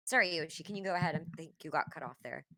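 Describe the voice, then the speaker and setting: A woman's voice: sits low, animated, rapid-fire, a bit bright, dry recording. A woman hosting a voice-acting live read over a video call, introducing the cast in a teasing, upbeat way. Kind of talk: casual chat introducing the cast. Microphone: video call microphone.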